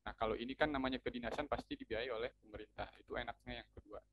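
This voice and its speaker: A young man from North Sumatra, speaking Indonesian with a Medan-style accent, chats casually as an alumni speaker, explaining things with many fillers and restarts. His mid-range voice races along with fairly even intonation, and the recording has no room sound but lacks high frequencies.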